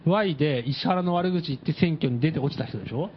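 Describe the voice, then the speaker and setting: A man's voice: a little high, brisk, highs cut off, a little hiss or hum. A man hosting a casual radio chat, playful and often laughing as he teases out conspiracies. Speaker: radio host.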